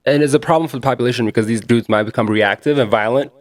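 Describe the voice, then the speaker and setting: A man's voice: medium pitch, very fast. A man co-hosting a casual podcast, talking in blunt, slangy banter and laughing easily. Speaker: podcast co-host. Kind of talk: casual chat.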